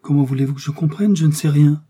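Brief: earnest young novice, emphatic, dark breathy timbre, played by a man. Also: medium pitch, brisk, lightly acted. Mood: pleading. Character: earnest, trusting young woman, a novice in a convent.

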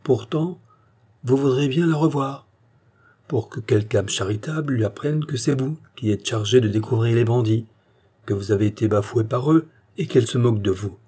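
Man reading as a gruff fatherly police chief. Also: medium pitch, moderate pace, mellow, close to an everyday voice. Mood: stern.

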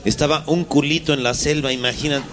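A man telling crude jokes with bursts of high squeaky character voices. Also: steady tone, fairly quick.

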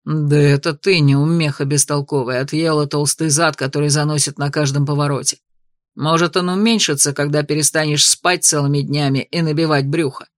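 A woman voicing a brash young male dragon who mocks with a gruff manner and softens into tenderness, in an audiobook. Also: deep voice, fairly even intonation, moderate pace, no room sound, studio quality, pitched below the performer's own voice, lightly acted. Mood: mocking. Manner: gruff and mocking, later soft and loving. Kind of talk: audiobook character voice.

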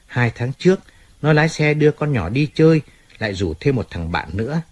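A husky-voiced man reading the part of an aging undertaker who pleads plaintively and with self-pity in an audiobook. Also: medium pitch, very animated, fairly quick, voice pushed up. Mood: grieving. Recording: faint music in background.

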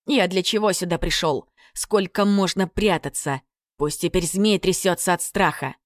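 Woman playing a brash young hero, gruff, lowish voice, storybook figure, dry sound. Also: moderate pace, no room sound, natural voice. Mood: defiant. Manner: blunt, gruff. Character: brash young male hero, blunt and stammering.

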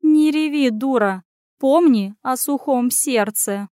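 A woman voicing a bossy, sharp-tongued female cat in an audiobook, scolding in quick retorts. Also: high-pitched, no echo, clean studio sound, pitched above the performer's own voice. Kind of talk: audiobook character voice.

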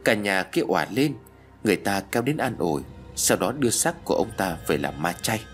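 A man narrating a first-person ghost story in an expressive reading. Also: fairly low pitch, a little fast, soft background music.

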